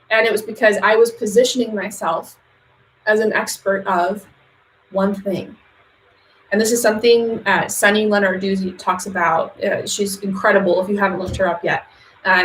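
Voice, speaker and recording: A woman's voice: medium pitch, fairly bright tone, roomy sound, slight background noise, poor audio. A woman who runs a social media agency, giving business advice straight to camera in a casual vlog, chatty and direct, with fillers and emphatic repetitions.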